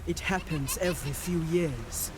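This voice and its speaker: In a video game performance, an actress voices a calm, devout warrior priestess who serves a sea goddess. Her low female voice is measured, solemn, and grave, with music playing beneath it.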